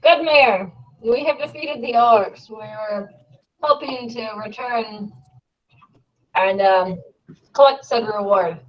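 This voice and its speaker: A woman player in a tabletop game, talking slowly and soothingly. Her voice is somewhat high and sounds dull and lo-fi over a call. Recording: muffled lo-fi call audio.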